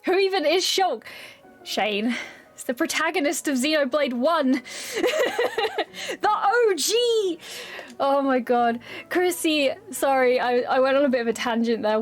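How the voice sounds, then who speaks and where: A woman streamer chatting casually with her live viewers, bubbly and excitable, laughing often and swearing freely. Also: high-pitched.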